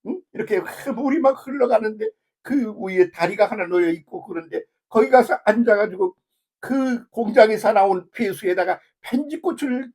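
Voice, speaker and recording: A man's voice: sits high, darkish tone, husky. An older man preaching a folksy, rambling sermon as a pastor, full of rhetorical asides. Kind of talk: conversational sermon.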